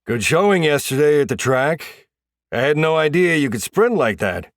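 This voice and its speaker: A man's voice: on the high side, very animated, normal speed, no echo, studio quality, voice pushed up. A man playing a stern hockey coach who talks in a clipped, authoritative way. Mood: approving.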